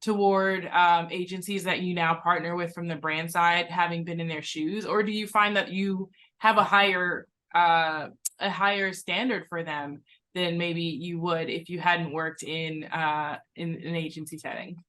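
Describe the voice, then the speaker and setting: A woman's voice: fairly low pitch, fairly even intonation, measured pace, a bit bright. A woman hosting an interview, asking thoughtful questions in an encouraging way. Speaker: interviewer, host. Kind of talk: casual interview conversation.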